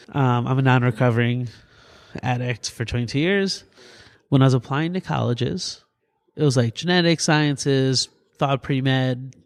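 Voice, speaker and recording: Animated man telling stories in an interview. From New Jersey. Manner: animated, laughs through stories, quick pitch jumps. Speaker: guest, paramedic and EMS physician. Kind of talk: casual interview storytelling.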